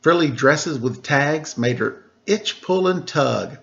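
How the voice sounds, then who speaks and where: A man reading a rhyming picture book aloud, lilting and expressive in the verses, relaxed and chatty in the asides. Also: a little high, slow, vocal fry, lo-fi sound.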